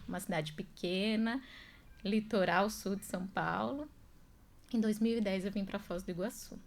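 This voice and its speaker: Woman in her 30s from Brazil, nurse guest, earnest and measured, studio mic. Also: mid-range voice. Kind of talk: radio interview. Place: radio studio. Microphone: studio microphone.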